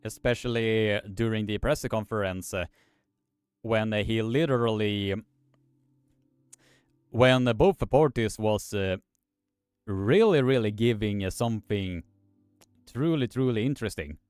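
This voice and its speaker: A man's voice: lowish voice, a little slow, pauses often, a little mellow, clear, resonant tone, dry recording, clean studio sound, faint music behind. Hesitant man hosting a live stream. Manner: hesitant, heavy with filler sounds. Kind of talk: live stream commentary, reading chat.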